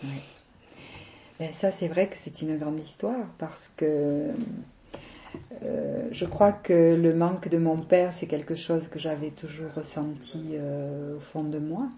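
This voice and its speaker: A middle-aged woman from southern France shares her story in a relaxed interview, her southern French accent audible in every phrase. Her voice is low and mellow, slow, with fairly even intonation. Chatty and quick to laugh, she hesitates often, pausing on small fillers while hunting for words.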